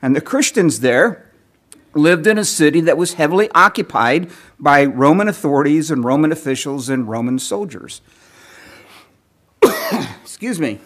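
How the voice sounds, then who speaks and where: A man giving a teaching sermon, lecturing in a measured way, clearing his throat often as he is losing his voice. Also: a little high, expressive, a bit bright. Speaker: preacher.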